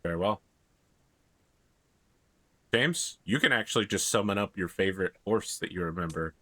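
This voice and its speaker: A man's voice: low-pitched, normal speed, sharp tone, no echo. A man narrating a tabletop role-playing game as its game master.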